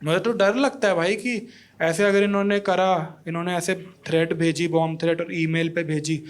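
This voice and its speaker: A man in his thirties with a voice on the high side delivers a stand-up comedy set in a comedy club at normal speed and a steady tone. He teases the audience and judges and acts out quotes in other voices.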